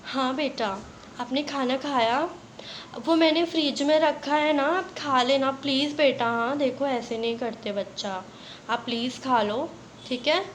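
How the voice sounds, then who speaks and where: Brief: a woman doing a doting teacher mother on the phone, coaxing and fussy, high bright voice. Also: measured pace, a little hiss or hum. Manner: coaxing, fussy, repeating "beta".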